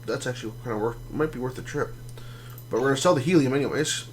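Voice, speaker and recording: With slight background noise behind him, a man of medium pitch speaks fast as he streams a space game. Relaxed and rambling, he explains as he plays, using many fillers and restarting often.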